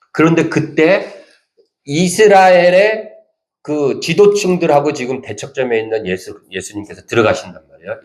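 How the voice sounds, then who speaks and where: A man preaching a sermon as pastor, talking animatedly and acting out the lines he quotes. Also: fairly high pitch. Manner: animated, acts out quoted speech. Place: church sanctuary. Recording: echoey church hall.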